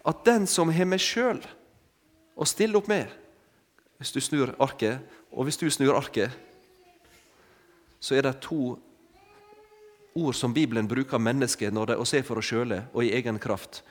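In a hall with long reverb, a preacher uses props and volunteers for an object lesson, calling people up and urging them on with brief repeated commands. His mid-range voice is expressive, with long pauses.

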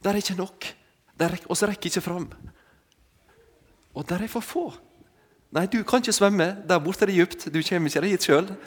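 His voice sits high and he pauses often while preaching a prop-filled, interactive sermon. The preacher calls volunteers forward for an object lesson and nudges them along with short repeated commands, with long hall reverb in the recording.

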